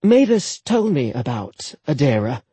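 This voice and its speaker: A man voicing a curious, polite young noblewoman in a softened, raised voice. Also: mid-range voice, very animated, unhurried, breathy edge, no room sound.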